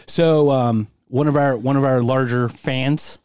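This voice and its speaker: A man's voice: mid-range voice, steady tone, unhurried, darkish tone, clean tone, no echo. A man co-hosting a podcast, joking and teasing his friend in casual chat. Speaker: podcast co-host.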